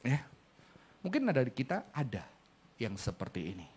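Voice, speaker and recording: A middle-aged man giving a lively seminar talk on parenting and anxiety, acting out quoted voices and often dropping to a soft, low tone. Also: normal speed, husky.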